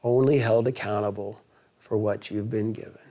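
A pastor voicing a calm, kind teacher. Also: male voice, fairly low pitch, moderate pace, close to an everyday voice. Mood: reassuring. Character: calm, kind male teacher reassuring a friend.

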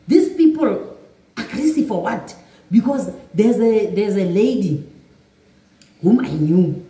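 Woman vlogger, slow and mellow delivery, storytime, recorded a bit far from the mic in an echoey room. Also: medium pitch. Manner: chatty, repeats "guys" often. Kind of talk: storytime vlog.

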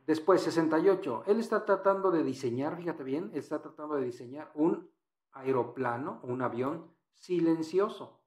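A man's voice: a little high, normal speed, a little mellow, reverberant. A man teaching English in Spanish, patiently walking through exam answers and repeating phrases.

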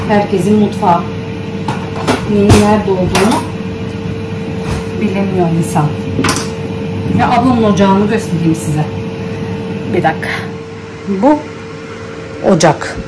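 A woman's voice: mid-range voice, heavy background noise. A woman chatting casually to the camera in a vlog, cooing at a dog now and then. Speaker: vlogger. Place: home kitchen and outdoors.

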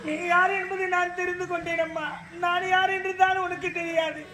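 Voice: very high voice, level tone, brisk, background noise. A performer in a stage drama playing a remorseful woman who comforts and confesses in declamatory lines. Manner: consoling, then guilt-ridden and declamatory. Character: remorseful woman who took another's baby. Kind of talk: Tamil stage drama acting. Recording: echoey distant stage recording with music.

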